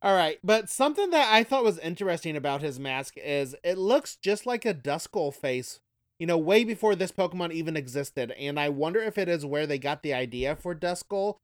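A man's voice: on the high side, animated, normal speed, no room sound, clean studio sound. A man co-hosting a podcast, eagerly pointing out details and quizzing his partner. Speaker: podcast co-host. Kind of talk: casual podcast chat.

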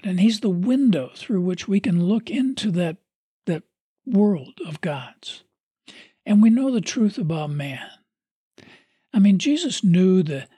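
Husky, earnest sermon voice, dry sound. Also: medium pitch, darkish tone, no room sound. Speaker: podcast host reading a parent's sermon.

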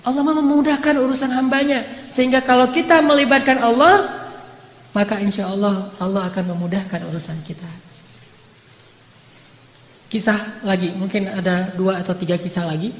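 A preacher telling sermon stories in a relaxed, chatty voice of middle pitch, with verses chanted in between. The voice rings out through a large hall with a long echo trailing behind it. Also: moderate pace, pauses often. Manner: lively storyteller mixing casual slang with chanted Arabic verses. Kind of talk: storytelling sermon. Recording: echoey hall with long reverb.

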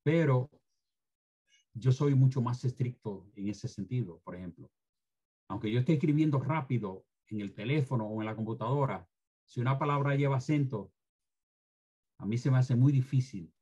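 Strict, emphatic man with a dark, husky voice. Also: medium pitch, normal speed, pauses often, highs cut off. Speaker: former Spanish teacher. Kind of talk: interview, opinionated commentary on language.

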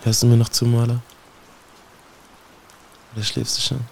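A man recites spoken-word poetry in a low, gravelly voice with a dark, mellow tone. His delivery barely rises or falls, staying almost completely level. He sounds solemn and brooding as he addresses a listener directly. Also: completely flat delivery, moderate pace, slight background noise.

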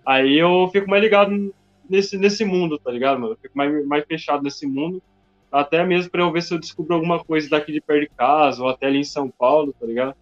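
A man's voice: on the high side, fast. A man from Brazil chatting casually, full of slang and filler words. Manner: slangy, peppers speech with "mano" and "tá ligado". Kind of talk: casual chat. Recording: dull lo-fi recording with faint music.

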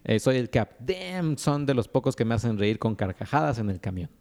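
A man's voice: mid-range voice, sing-song, moderate pace, vocal fry, a little mellow. Man reading listener comments on a podcast. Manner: reads comments aloud, laughs often. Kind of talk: casual podcast chat.

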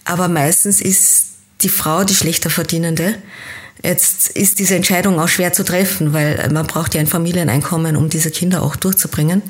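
A woman from Kenya speaks as an interview guest in a fairly low voice. She explains things at length and thoughtfully, often pausing to hesitate. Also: steady tone. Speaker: interview guest, team-building coach.

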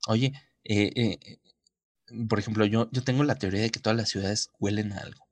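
A man's voice: lowish voice, fairly even intonation, normal speed. A man, chatting casually and telling rambling anecdotes. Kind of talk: casual chat.

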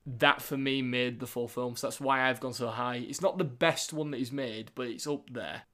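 Male podcast host, Northern English accent, mid-pitched voice, informal and jokey casual chat. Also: steady tone, normal speed, bright, forceful tone. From England.

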